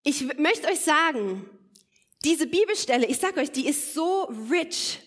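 High-voiced woman preaching in a reverberant hall. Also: lively intonation, a little slow. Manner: earnest, building to emphatic exhortation. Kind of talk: sermon. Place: church hall. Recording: long reverb of a church hall.

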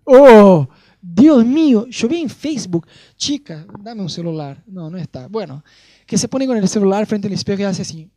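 A male preacher giving a sermon, an animated storyteller who jokes about his own youth. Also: high-pitched, no room sound. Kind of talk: sermon with personal anecdotes.

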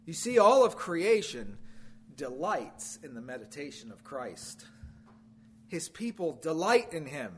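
A man preaching a sermon, emphatic and repetitive, swinging between loud declarations and low, quiet phrase endings. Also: very animated, measured pace, a little hiss or hum.

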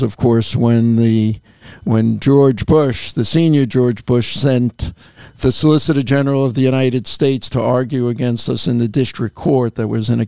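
An older man, a lawyer and professor, telling unhurried anecdotes in an interview, chuckling between stories. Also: medium pitch, creaky, warm tone, dry recording. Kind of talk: interview storytelling. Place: Miami.

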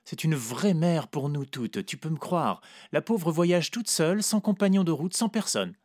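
A man's voice: on the high side, animated, measured pace, a little mellow, no room sound, clean studio sound, voice pushed up. A man voicing a weary, blunt woman who coaxes and teases in a coarse, familiar way, reading a story aloud. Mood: sentimental.

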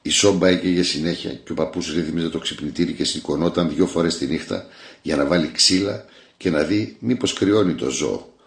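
Deep gravelly male storyteller. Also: reverberant. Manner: measured, literary storytelling. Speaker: actor reading a short story. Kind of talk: scripted narration.

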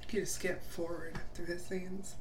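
A woman co-hosting a casual podcast chat, animated and playful, laughing often. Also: on the low side, unhurried, distant mic. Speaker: podcast co-host. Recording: roomy and a bit off-mic.

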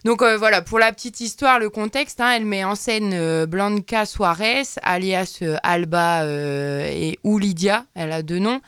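A woman presenting a TV series review on a radio show, hesitant and filling pauses with many fillers. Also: mid-range voice, fairly bright tone, clear, resonant tone, dry recording, studio quality.

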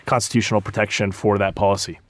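A man's voice: on the low side, level tone, fast talker, dry recording. An American man speaking as a panel guest, explaining politics in a thoughtful, conversational way. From United States.

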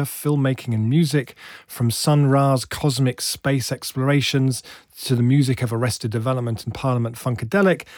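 A man's voice: mid-range voice, a little mellow, dry recording, clean studio sound. A man hosting a podcast, reading a scripted introduction with enthusiasm and playful asides. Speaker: podcast host.

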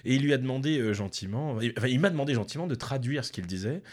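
A man's voice: medium pitch, fast. A man co-hosting a podcast, chatting casually and telling anecdotes with frequent laughs and restarts. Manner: lively storyteller, laughs often, many restarts. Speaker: podcast co-host. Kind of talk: casual chat.

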